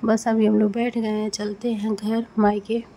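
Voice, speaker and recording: Mother vlogger, flat mellow delivery, faint noise behind. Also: mid-range voice, moderate pace. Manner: emotional, repetitive. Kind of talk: casual travel vlog narration. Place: train journey and station.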